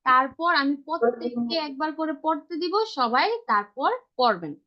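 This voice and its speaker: A woman's voice: high voice, expressive, moderate pace. A woman teaching a language class over a video call, patiently repeating and spelling out each letter. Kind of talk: online class instruction. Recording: dull lo-fi video call audio.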